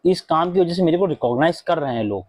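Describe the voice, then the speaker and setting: A man's voice: a little high, lively intonation, fast, dry recording. Chatty young man vlogging. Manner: chatty, mixing Hindi and English, many fillers and asides. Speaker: book reviewer. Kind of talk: casual book review vlog. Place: indoor room at home with a fan running.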